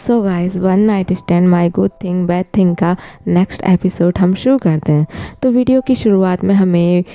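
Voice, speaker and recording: A woman's voice: fairly low pitch, a little slow, mellow, lo-fi sound. A woman casually retelling a drama episode scene by scene, acting out the quoted lines. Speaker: story narrator. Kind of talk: casual storytelling narration, voicing quoted lines.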